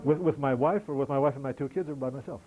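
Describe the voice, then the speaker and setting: A man's voice: medium pitch, fast talker, mellow, low-quality recording. A middle-aged American man answering audience questions after a lecture, conversational and wry, with frequent restarts. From United States. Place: lecture hall.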